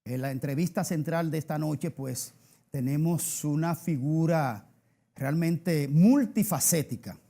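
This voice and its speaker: A man with a Dominican accent hosting a TV interview, giving emphatic introductions and quick backchannels. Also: fairly high pitch, vocal fry. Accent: Dominican Spanish. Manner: lively, emphatic introductions with many short backchannels. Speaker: TV interview host.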